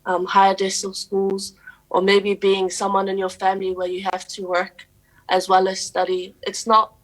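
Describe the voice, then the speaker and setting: Earnest young New woman, flat delivery. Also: mid-range voice, poor audio. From New Zealand. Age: young adult. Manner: earnest and steady, with frequent "um" pauses. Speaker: guest, poet and youth advocate. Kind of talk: radio interview answers.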